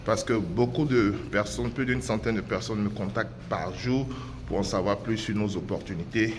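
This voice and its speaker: A man, founder of a trading school, pitching his courses in an unscripted and explanatory way, with frequent fillers and hesitations. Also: normal speed, background noise. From Côte d'Ivoire. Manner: informal and explanatory, peppers speech with "voilà" and hesitations. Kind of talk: unscripted promotional pitch to camera.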